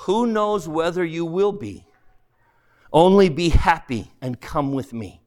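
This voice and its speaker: A man voicing a serene, gently amused heavenly spirit in a storybook, speaking with calm candour. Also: on the high side, slow pace, voice pushed up. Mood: calm, reassuring. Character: serene, mirthful heavenly spirit of a forgiven male murderer. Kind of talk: dramatised audiobook character voice.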